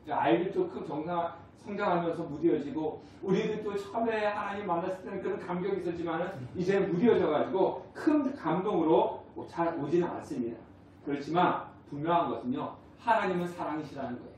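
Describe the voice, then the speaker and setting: A man's voice: high-pitched, a little fast, darkish tone, a little hiss or hum. A male pastor preaching a conversational sermon, asking the congregation questions and acting out family dialogues. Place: church sanctuary. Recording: very echoey hall, distant mic.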